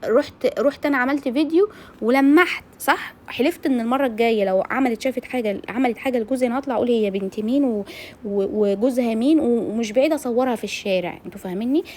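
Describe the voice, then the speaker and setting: A woman's voice: on the high side, fast talker, darkish tone, a little hiss or hum. A woman with an Egyptian Arabic accent, chatting while she cooks in her home kitchen. She talks outspokenly and straight to her female viewers. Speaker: cooking vlogger. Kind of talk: casual chat while cooking.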